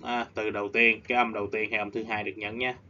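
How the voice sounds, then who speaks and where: A man teaching an English lesson, explaining at length and slowing down for emphasis. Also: on the low side, level tone, sharp tone. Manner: switches between explaining and slow, emphatic drilling. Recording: slightly dull lo-fi audio.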